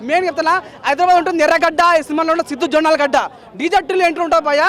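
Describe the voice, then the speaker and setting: Super high voiced guy gushing fast about a movie, keeps saying bhaiya, faint crowd around. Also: steady tone, a bit bright. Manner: repetitive, enthusiastic, addresses listener as "bhaiya". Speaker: moviegoer giving a review. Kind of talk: gushing street review.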